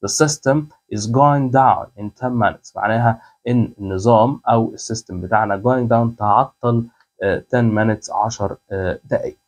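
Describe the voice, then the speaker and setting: A man's voice: medium pitch, darkish tone, slightly rough. A man with an Egyptian Arabic accent teaching English verbs, patiently repeating words and answering his own questions. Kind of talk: language lesson.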